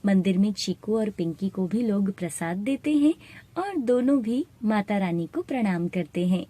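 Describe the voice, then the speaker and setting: A woman narrating an animated moral story in a steady, plain storytelling manner. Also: medium pitch, moderate pace. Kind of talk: scripted narration.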